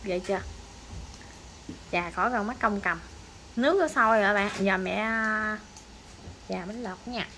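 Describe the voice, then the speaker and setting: A woman's voice: medium pitch, unhurried, long pauses, noisy background. A woman with a Southern Vietnamese accent, chatting playfully through a home cooking vlog in a country kitchen. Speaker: vlogger. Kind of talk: casual cooking vlog chat. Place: rural home kitchen with wood stove.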